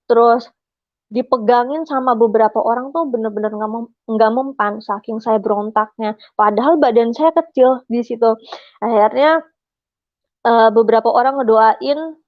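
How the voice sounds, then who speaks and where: A woman's voice: a little high, no room sound. A young woman giving a personal testimony as an interview guest, shy and recounting at length with frequent hesitations. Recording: dry, slightly dull sound.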